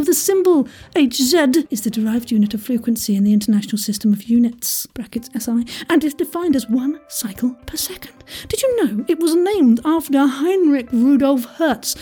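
A woman hosts an audio quiz in a chatty, playful manner, her delivery theatrical and jokey, packed with asides and exclamations. Her voice is high-pitched but dark in tone.

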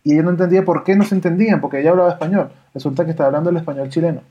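A woman, chatting on a podcast as co-host, opinionated and animated. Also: low-pitched, racing. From Venezuela. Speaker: podcast co-host, audio engineer. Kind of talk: casual podcast chat. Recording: dull lo-fi audio.

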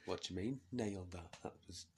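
A man hosting a podcast, who tells a rambling comic story in a deadpan way, full of fillers. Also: sits low, a little fast, creaky, a little hiss or hum.

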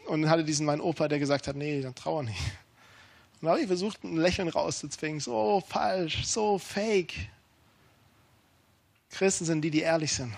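A man in his thirties, his voice a little high, preaches a sermon in an emphatic, informal style, swinging between urgent and hushed delivery.

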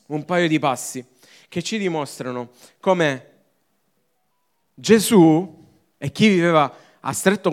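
A male pastor preaching a sermon with emphatic, repetitive phrasing that drops from loud to hushed. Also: a little high.

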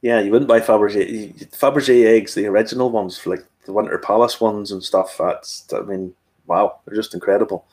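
A man's voice: fairly low pitch, fairly even intonation, a little fast, darkish tone. A man with a Northern Irish Ulster accent, hosting a tasting in casual chat, explaining things with asides and questions to himself. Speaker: whiskey tasting host.

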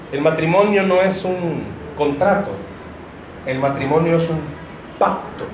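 High-voiced joking pastor. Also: male voice. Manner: joking, addresses the congregation directly. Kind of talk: sermon to married couples. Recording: roomy hall, faint noise.

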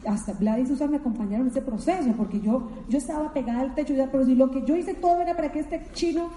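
A woman's voice: high-pitched, fast talker, dark tone, a little hiss or hum. A middle-aged woman from Colombia giving an emotional, emphatic motivational talk, telling her story with many repetitions. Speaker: motivational speaker. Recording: echoey hall with long reverb.

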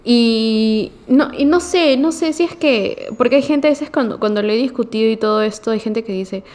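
A woman's voice: on the high side, normal speed, a little mellow. A woman in a casual chat, giving short affirmations and musing reflectively.

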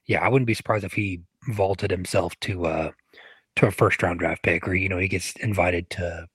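A man with a Missouri accent co-hosting a sports podcast, talking quickly in an upbeat, optimistic way. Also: low-pitched, steady tone, a bit bright, breathy edge, dry recording. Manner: fast-talking, self-described optimist. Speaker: podcast co-host. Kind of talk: casual sports chat.

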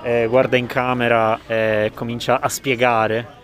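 A man's voice: mid-range voice, little pitch movement, unhurried, a bit bright. Man, podcast host, blunt critic, casual talk, vehicle noise in the background. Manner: blunt, dismissive critic with many restarts. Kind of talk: casual film review chat.

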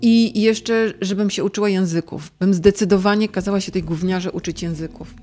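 A woman's voice: mid-range voice, fairly even intonation, brisk, warm tone. Middle-aged woman podcast host, candid, chatty, faint music under. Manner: candid, self-mocking. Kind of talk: casual chat.

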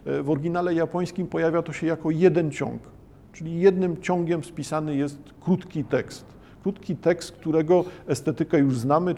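Slow, gravelly-voiced man lecturing. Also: a little high, mellow. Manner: slow and reflective, with many hesitations. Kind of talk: lecture on Japanese poetry.

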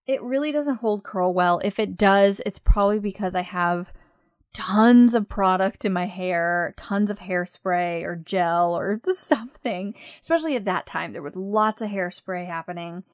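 A woman's voice: medium pitch, dry recording, clean studio sound. A young woman host candidly telling a personal story in a chatty way, full of fillers and restarts. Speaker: podcast host.

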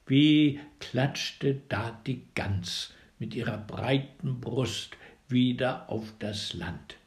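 A man reading a fairy tale aloud in an expressive, dramatic way, dropping to a hush at times. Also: mid-range voice, drawn-out words. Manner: expressive, dramatic storytelling with hushed passages. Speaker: storyteller.

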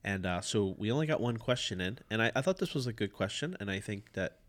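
A man's voice: fairly low pitch, lively intonation, fast talker. A man hosting a podcast, speaking plainly and directly in a casual discussion. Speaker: podcast host.

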